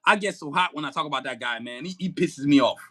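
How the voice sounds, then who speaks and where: This podcast co-host's voice is a little high and his pace quick as he rants angrily about politics. He's emphatic and foul-mouthed, his voice rising to shouts at times.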